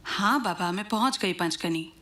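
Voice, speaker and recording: In casual film dialogue, a woman plays a busy caller who is mildly annoyed. Her mid-range voice has lively intonation, a moderate pace, and a fairly bright tone close to how people normally talk.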